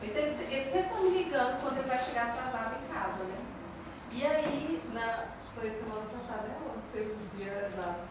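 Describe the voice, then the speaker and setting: A high-pitched woman tells a lively personal story in front of a church group, often breaking into laughter. Her voice comes from a distance in a roomy, echoing church hall, with audible background noise. The telling is excitable and animated throughout. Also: brisk. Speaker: church member giving a testimony. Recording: echoey church hall, far from the mic, noisy.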